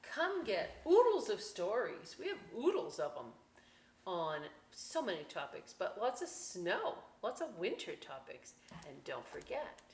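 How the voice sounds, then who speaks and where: With huge pitch swings and an unhurried pace, this medium-pitched woman leads a children's story time and craft demo at a library. She's folksy and playful, chatting aside to young viewers, and the room echoes with some background noise.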